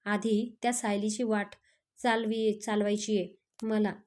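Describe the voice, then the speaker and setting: A woman's voice: medium pitch, flat delivery, measured pace, a little mellow, natural voice. A woman voicing a scheming, spoiled young bride-to-be who speaks sharply and with scorn. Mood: scornful.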